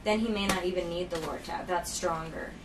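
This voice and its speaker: A woman's voice: fairly low pitch, fairly even intonation, brisk. A woman working as a dental assistant, explaining aftercare instructions conversationally, step by step, and checking that she is understood. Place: indoor clinic treatment room. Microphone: camera held by another person, at a distance. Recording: noisy room, distant camera microphone.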